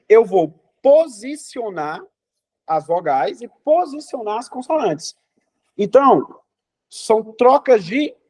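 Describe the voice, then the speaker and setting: High-voiced math teacher in class. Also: male voice, mellow. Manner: talks students through problems, counting aloud, asking questions.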